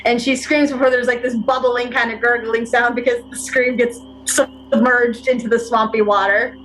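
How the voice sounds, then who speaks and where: A woman acting as game master, narrating a tabletop game in a measured, descriptive way. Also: on the high side, little pitch movement, fairly bright tone, a little hiss or hum, poor audio.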